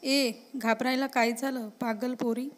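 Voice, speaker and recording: A woman voicing a gruff young male college student who scolds bluntly but cares. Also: fairly high pitch, little pitch movement, measured pace, close to an everyday voice. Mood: scolding. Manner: scolding, blunt, secretly caring.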